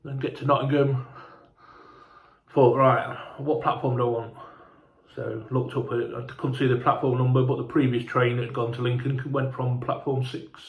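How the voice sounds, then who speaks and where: Rambling, swearing English bloke. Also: male voice, medium pitch, flat delivery, moderate pace, creaky, roomy sound, narrow, tinny audio. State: hungover and unwell. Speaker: fan vlogger. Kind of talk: casual storytelling.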